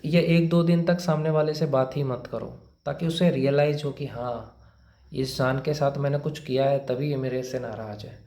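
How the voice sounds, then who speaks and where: A man's voice: medium pitch, steady tone, moderate pace, dark tone. A man giving blunt, lecturing relationship and career advice, repeating his points to the listener. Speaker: advice speaker. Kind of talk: motivational advice talk. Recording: echoey room.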